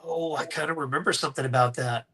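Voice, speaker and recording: A man's voice: fairly high pitch, steady tone, fast talker, bright, forceful tone. A man co-hosting a casual live stream about toys, rambling and joking with plenty of fillers and restarts. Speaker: co-host.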